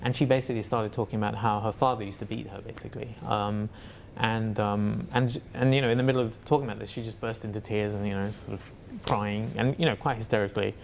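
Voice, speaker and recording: Gravelly-voiced man, thoughtful and hesitant. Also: fairly low pitch, fairly even intonation, fast talker, few pauses, slight background noise. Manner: thoughtful, hesitant, many fillers and restarts. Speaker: facilitator, interview guest. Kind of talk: reflective conversational answer.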